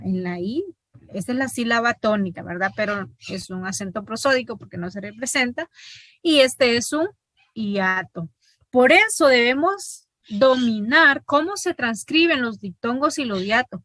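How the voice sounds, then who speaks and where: A woman lecturing in an online linguistics class, her voice bright and a little high. She explains each point step by step and keeps checking in with the class. The sound is dry and close. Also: no room sound. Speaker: linguistics teacher.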